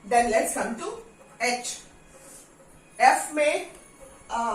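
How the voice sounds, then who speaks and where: Indian woman teacher, high voice, slow drills of words, echoey room, faint music behind. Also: distant mic. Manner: repeats example words loudly, drills them. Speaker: English pronunciation teacher. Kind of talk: casual spoken lesson mixing Hindi and English.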